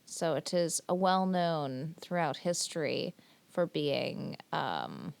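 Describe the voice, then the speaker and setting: A woman's voice: low-pitched, slow pace, gravelly, clean tone. A woman co-hosting a podcast in casual chat, giggly and playful. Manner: giggly, playful, teasing dramatic intros. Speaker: podcast co-host.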